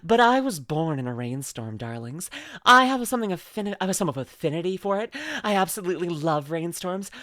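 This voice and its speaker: A vtuber streamer chatting through a reaction video, drowsy from medication, voice a little rough like a morning voice, rambling and giggly. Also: mid-range voice, lively intonation, fast talker, few pauses, pushed and bright, dry recording, studio quality. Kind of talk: casual reaction commentary.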